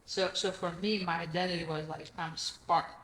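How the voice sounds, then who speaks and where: A Greek-born woman, a real estate investor guesting on an interview, tells animated stories in a lowish, brisk voice. She acts out quoted dialogue and often says "I'm like" in casual chat. The room is echoey with faint ambience.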